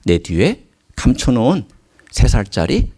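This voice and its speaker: A middle-aged man preaching a sermon, telling a story and swinging from quiet low asides to high, emphatic calls. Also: very animated, a little slow, breathy edge. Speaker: pastor.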